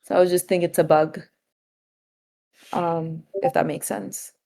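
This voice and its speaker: A woman's voice: fairly low pitch, flat delivery, a little slow, creaky, dark tone. A woman giving blunt, teasing feedback on a game in a casual chat.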